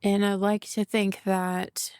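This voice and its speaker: A woman's voice: medium pitch, flat delivery, takes it slowly, a little mellow, clean tone, dry recording, studio quality. A middle-aged woman hosting a podcast in casual solo talk, candid and emotional, laughing often and swearing, full of "like" fillers. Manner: emotional, confessional. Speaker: podcast host.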